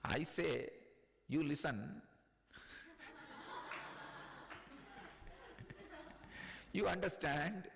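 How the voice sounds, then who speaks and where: A man's voice: high-pitched, sing-song, measured pace, a bit bright, big-room sound, slight background noise. A man from India with an Indian accent, giving a spiritual discourse, laughing often and repeating simple phrases for emphasis. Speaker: spiritual teacher.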